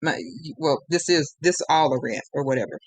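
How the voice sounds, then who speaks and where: Speaking at a moderate pace in a low, expressive voice, a woman delivers a tearful, frustrated live-stream rant full of rambling and restarts. There's no echo.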